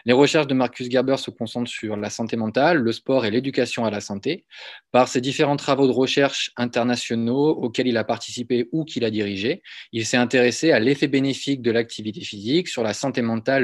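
A man, giving a measured, slightly hesitant academic introduction as moderator on a video call. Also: medium pitch, dry recording, clean studio sound. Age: 30s. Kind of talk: formal academic introduction, partly read. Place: small indoor office. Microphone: computer video-call microphone.

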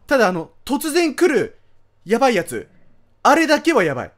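A man commentating a horror game let's play, jumpy, yelping and shouting at the scares and talking back to the screen. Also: very high-pitched, huge pitch swings, normal speed. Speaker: game streamer.

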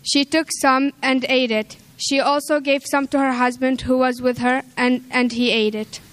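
A woman's voice: high-pitched, level tone, normal speed. A young woman narrating a scripture passage in a church play, stumbling and restarting words. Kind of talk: reading scripture aloud in a play.

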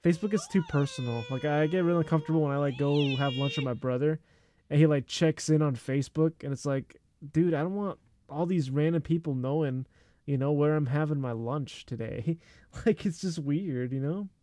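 A man's voice: a little high, brisk, dark tone, dry recording, clean studio sound. Rambling, profane male streamer. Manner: rambling, profane, filler-heavy. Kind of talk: casual reaction commentary.

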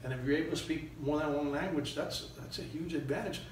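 This interview guest, a middle-aged man from Miami in the United States, answers in a halting, conversational manner, his voice on the high side. The sound is very echoey and distant, picked up in a small indoor room with faint noise.

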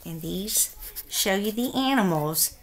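Indoors in a small room at home, a middle-aged woman reads a children's picture book aloud. Her mid-range voice is expressive and slow, and she phrases things carefully and emphatically for young listeners.

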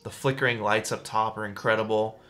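A man's voice: on the low side, fairly quick, soft background music. A young man hosting a livestream interview over a headset, talking casually and with lots of eager praise. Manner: energetic, effusive, casual slang. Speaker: livestream host. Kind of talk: casual enthusiastic interview chat. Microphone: headset on video call.

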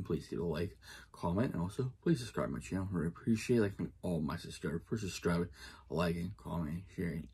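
A young man hosts a casual reaction video in a low and very rough, husky voice. His pitch moves around in a lively way, and his phrasing is halting and repetitive. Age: young adult. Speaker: YouTube reaction video host. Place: small indoor room at home.

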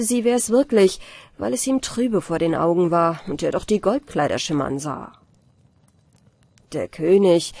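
A woman narrating a fairy tale as an audiobook for falling asleep, in a calm, measured storytelling manner. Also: on the low side, gravelly, breathy edge, no room sound. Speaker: audiobook reader.

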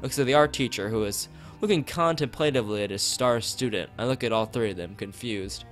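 A lowish, fairly quick male voice comes over background music as a streamer reads a visual novel out loud. Between chats with viewers, he frequently trips over lines and rereads them.

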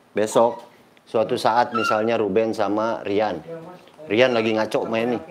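A middle-aged man, a badminton coach telling stories to teach his players and acting out the dialogue as he goes. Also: on the low side. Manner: lively storyteller acting out quoted dialogue. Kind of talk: casual coaching talk with anecdotes.

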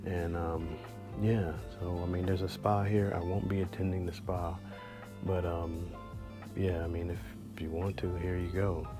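Recorded through a handheld or chest-mounted action camera, a man in his forties who makes travel vlogs chats casually while looking around a large library. He muses to himself with plenty of fillers. His deep voice stays level and unhurried over clearly audible background music.

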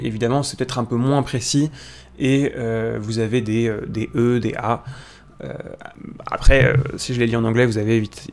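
A man's voice: mid-range voice, a little mellow. A man hosting a casual morning live stream on news, just waking up and talking with many hesitations and restarts. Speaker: livestream host.

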